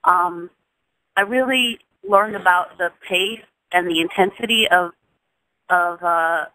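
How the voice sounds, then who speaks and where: Speaking slowly in a lowish voice, this Jamaican singer in her thirties appears as an interview guest on a low-quality recording. Her manner is casual and reflective, full of restarted phrases and quiet laughs.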